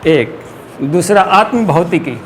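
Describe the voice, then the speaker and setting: High-voiced man giving a spiritual lecture. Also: expressive, slow, a little hiss or hum. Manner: earnest, explanatory, clears throat often. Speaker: spiritual teacher. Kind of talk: devotional lecture.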